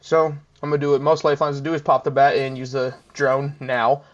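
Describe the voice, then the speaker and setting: A man's voice: mid-range voice, flat delivery, a little fast. A young man giving casual, laid-back commentary over his own gameplay, chuckling often and poking fun at himself. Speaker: gaming commentator. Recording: dull lo-fi mic.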